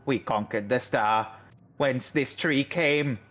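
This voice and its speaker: A man voicing a stiff, formal android researcher in a video game, with a Dalek-like robot voice and slow, flat, measured speech. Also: mid-range voice. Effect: Dalek-like robot voice done by mouth. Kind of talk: voicing a game character while streaming.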